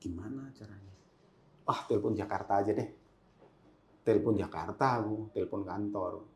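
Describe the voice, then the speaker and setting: A man's voice: on the low side, moderate pace. Roomy-voiced man telling a vivid story. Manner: vivid storyteller, acts out his own past words. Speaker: photojournalist guest. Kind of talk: storytelling in a podcast interview. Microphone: podcast microphone. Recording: roomy echo.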